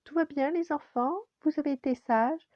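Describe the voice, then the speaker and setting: Woman voicing a high, anxious mother crab for a bedtime story, dry close sound. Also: moderate pace, no room sound, dull audio, close to an everyday voice. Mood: fretful. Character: fretful mother crab, female, adult.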